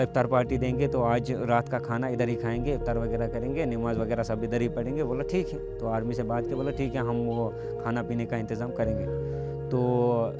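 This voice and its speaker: A young man from Kashmir, telling his personal story in a conversational way, pausing with hesitant fillers. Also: mid-range voice. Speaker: meditation teacher sharing his story. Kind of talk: personal testimonial. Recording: music playing clearly underneath.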